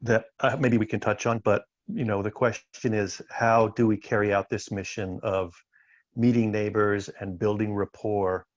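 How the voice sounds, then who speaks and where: A man with a low, flat voice thinks aloud in a group session and often stops to restart his sentences. His voice comes through a dull, lo-fi call. The sound is close and dry. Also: no echo. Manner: hesitant, halting, with many restarts. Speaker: conference participant. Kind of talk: reflective sharing in a group discussion. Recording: dull lo-fi online call audio.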